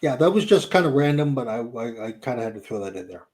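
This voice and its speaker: A man with a New Jersey accent hosting a casual chat, joking around and talking in halting restarts. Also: medium pitch, sing-song, darkish tone. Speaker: channel host.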